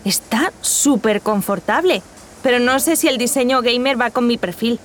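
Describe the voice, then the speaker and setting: A woman acting as a customer trying out a chair in a scripted learner dialogue, with a bright, eager delivery. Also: fairly high pitch, moderate pace, a little hiss or hum, close to an everyday voice. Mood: delighted.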